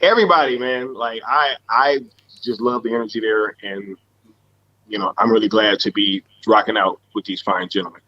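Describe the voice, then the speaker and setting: A man's voice: fairly low pitch, steady tone, normal speed, no room sound. A man hosting a casual live stream chat, talking in a laid-back, slangy way full of fillers. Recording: dull lo-fi stream audio.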